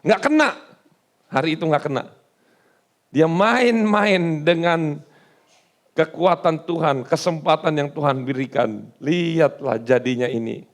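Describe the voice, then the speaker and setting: A male pastor preaching a sermon with an Indonesian accent, telling a story with lively acted-out dialogue and jokes for the congregation. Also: fairly high pitch, measured pace, long pauses.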